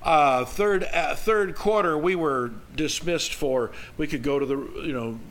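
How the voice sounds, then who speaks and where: A middle-aged or older man, telling a story in a folksy, animated, conversational sermon with halting restarts. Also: a little high, slight background noise. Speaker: preacher.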